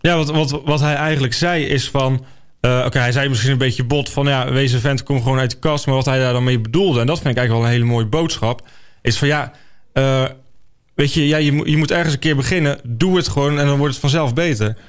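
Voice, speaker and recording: Brief: young Dutch-accented male guest, even, middle-pitched, earnest. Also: a little fast, clean tone. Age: young adult. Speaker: podcast guest. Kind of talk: casual chat.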